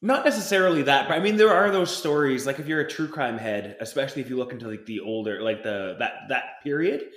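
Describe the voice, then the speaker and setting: A man's voice: medium pitch, fast talker, few pauses, a bit bright, echoey room. A man chatting animatedly about a film, emphatic and enthusiastic. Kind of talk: casual film discussion.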